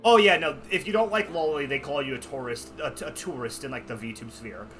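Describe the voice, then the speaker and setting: A man's voice: medium pitch, fairly quick, a bit bright, faint music behind. A man streaming and talking casually, ranting heatedly with lots of swearing and filler words. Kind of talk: casual chat during a game stream.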